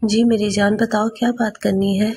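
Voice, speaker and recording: A loving older mother speaks softly to console her family, as a woman reading a storybook voices her. The voice has a middle pitch and sounds close to the reader's own. It is calm and tender. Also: slightly rough. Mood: tender, resigned.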